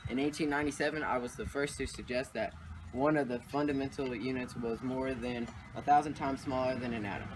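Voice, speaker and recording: A man playing a formal English physicist for a school project, reciting slowly. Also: medium pitch, fairly even intonation, noisy background, natural voice. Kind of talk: school project role-play.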